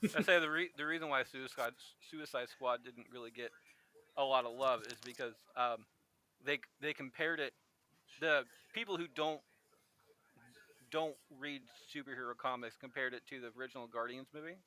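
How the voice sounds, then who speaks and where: A man's voice: mid-range voice, moderate pace, pushed and bright, clear, resonant tone. A man hosting a casual podcast chat, joking and rambling with frequent restarts. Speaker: podcast host.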